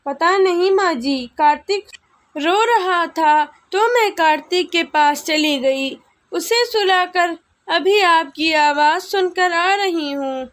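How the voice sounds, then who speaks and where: A woman voicing a meek, dutiful young daughter-in-law in a storybook tale, with a very high, slow voice. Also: a bit bright, full character voice. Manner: polite, meek.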